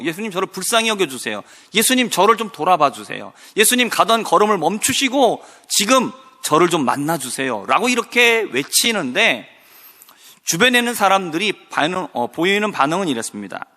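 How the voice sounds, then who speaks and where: Bright, lively male pastor in a reverberant hall. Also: a little high. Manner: explains the story step by step, asking rhetorical questions; slows and lifts his voice to voice the quoted cries. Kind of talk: sermon. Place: church sanctuary. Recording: hall reverb of a church service broadcast.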